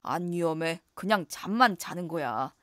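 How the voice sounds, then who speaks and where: Woman playing a low, coaxing schemer for a voice drama, lively delivery. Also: normal speed, dry recording, clean studio sound, natural voice. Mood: dismissive. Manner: coaxing, lowered voice. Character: scheming man, husband and son, smooth-talking.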